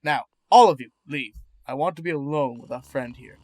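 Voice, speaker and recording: Man voicing stern clinical psychiatrist, cold, commanding, audio drama, mid pitch. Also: fast, dry recording, lightly acted. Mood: coldly curious. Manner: authoritative, coldly curious.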